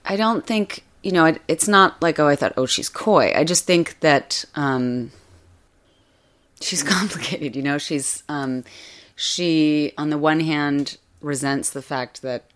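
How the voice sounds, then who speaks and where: A woman's voice: low voice, slow pace, fairly bright tone. A woman in her forties being interviewed about her writing, talking casually with many fillers and restarts. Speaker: author guest.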